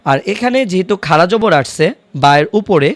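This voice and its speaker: A man teaching Quran reading in an online lesson, patiently spelling out each syllable and repeating it slowly so learners can follow. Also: fairly high pitch, animated, no room sound.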